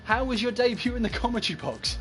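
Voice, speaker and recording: A man's voice: very high voice, quick pace, fairly bright tone, faint music behind. A man hosting esports race commentary, talking in a chatty, breathless way with frequent fillers. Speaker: lead commentator and host.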